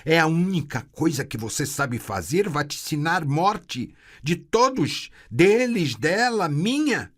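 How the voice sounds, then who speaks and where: A man voicing a sorceress who shouts defiantly while straining to keep control. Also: fairly low pitch, animated, unhurried, few pauses, husky, voice pushed up, heavily acted.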